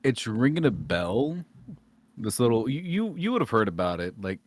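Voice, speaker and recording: A man's voice: medium pitch, sing-song, moderate pace, slight background noise. A man narrating as game master of a tabletop role-playing game, rambling and restarting as he thinks aloud.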